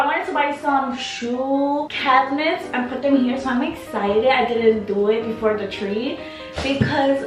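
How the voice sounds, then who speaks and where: A young woman vlogging in casual chat from her apartment, talking in a chatty, self-mocking way. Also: high voice. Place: apartment living room. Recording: echoey room, mic far off.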